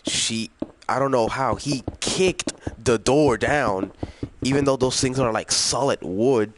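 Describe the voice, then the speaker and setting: A man's voice: mid-range voice, takes it slowly, slight background noise. A man telling a long personal story in a casual, rambling way, full of fillers and slang. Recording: clear music behind the voice. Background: music.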